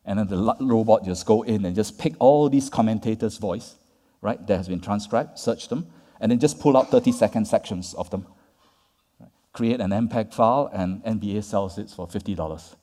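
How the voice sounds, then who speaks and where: In a fairly low, dark voice at normal speed, a man delivers a lecture to a conference audience. He keeps things conversational with "right?" and "yeah?" after his points, and the recording carries the long reverb of a large hall.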